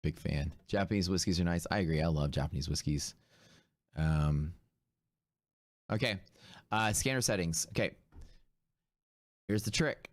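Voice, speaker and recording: A man's voice: deep voice, a little slow, pauses often, no room sound. A hungover man chatting casually and in laid-back slang as he hosts a livestream. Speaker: host of a live day-trading stream.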